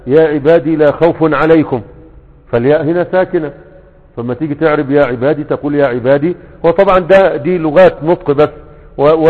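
Egyptian man teaching grammar, tinny and echoey. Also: a little high. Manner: asks the class questions and fills in the answer himself. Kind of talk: grammar lesson explaining a classical text. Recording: tinny phone-like sound with long hall reverb.

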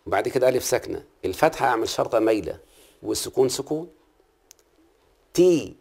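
Gravelly Egyptian man teaching a class. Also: medium pitch. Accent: Egyptian Arabic. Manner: patient, quizzes the class and repeats key terms. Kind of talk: classroom lesson on Arabic prosody.

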